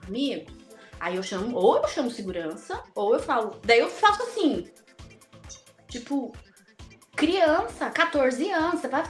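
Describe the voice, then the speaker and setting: A woman's voice: high voice, a little slow, echoey room, faint music behind. A middle-aged woman, a podcast guest talking casually and acting out the dialogue in her stories. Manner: animated storyteller, acts out quoted dialogue. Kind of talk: casual interview chat.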